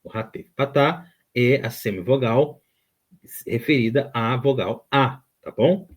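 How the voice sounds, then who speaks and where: Slow, patient male teacher. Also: mid-range voice, slightly rough. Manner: explains slowly, repeats terms, frequent "tá?" checks. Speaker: Hebrew teacher. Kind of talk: online grammar lesson.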